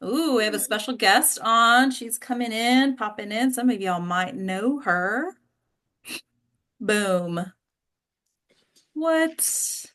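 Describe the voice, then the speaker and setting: On an online video call, a chatty, effusive woman from Texas hosts an actors' table read, welcoming everyone in casual talk. Her fairly high, slightly bright voice moves slowly, with long pauses, and is picked up by the call's microphone.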